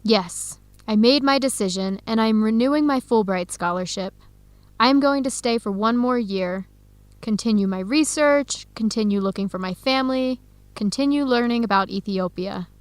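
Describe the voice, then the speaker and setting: A young adult woman plays an earnest researcher hunting for her birth family in an educational radio drama, and she sounds resolute. Her voice is fairly high and close to an everyday voice, delivered clearly and conversationally at normal speed with no echo.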